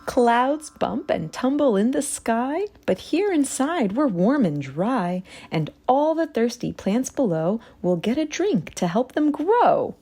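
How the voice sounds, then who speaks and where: Slow, animated woman reading a storybook. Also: medium pitch. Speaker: children's story narrator. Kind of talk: expressive read-aloud storytelling.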